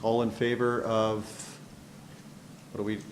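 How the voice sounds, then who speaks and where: A man chairing a town council meeting in a relaxed, joking way. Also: lowish voice, takes it slowly. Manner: easygoing, joking. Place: council chamber. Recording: echoey council chamber with background noise.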